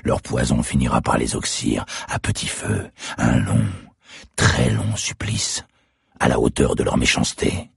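A cold young masked killer taunts his captive in a very deep, gravelly, husky voice, as a male audiobook reader puts him on. He speaks slowly and deliberately, sneering at every word, and the recording is close and dry. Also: no room sound, full character voice. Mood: menacing.

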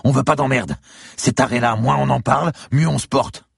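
A man voicing a battered, frightened heavyset thug in a thriller audiobook, yelling and pleading. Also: sits low, fairly quick, breathy edge, no echo, clean studio sound, pitched above the performer's own voice. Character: beaten, scared heavyset male thug.

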